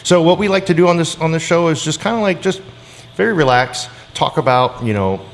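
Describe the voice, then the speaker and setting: A man hosting a podcast, talking in a relaxed, hesitant way with plenty of fillers. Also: fairly high pitch, brisk, vocal fry. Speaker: podcast host. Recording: long reverb, faint ambient noise.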